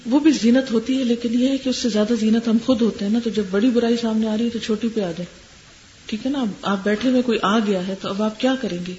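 A woman religious teacher answering listeners' questions in a gentle, advising lecture. She mixes English words into her speech and often checks in with her listeners. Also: a little high, fairly even intonation. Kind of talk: Islamic advice lecture. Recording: dull lo-fi recording with faint hiss.

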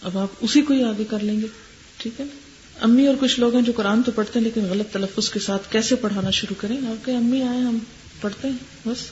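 A woman religious teacher answering listeners' questions in a gentle, advising lecture. She mixes English words into her speech and often checks in with her listeners. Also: fairly high pitch. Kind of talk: Islamic advice lecture. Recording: dull lo-fi recording with faint hiss.

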